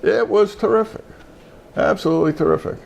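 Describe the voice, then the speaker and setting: A man's voice: high voice, a little fast, creaky. An older man, a retired judge and show host, telling a rambling story in casual chat with many fillers and restarts.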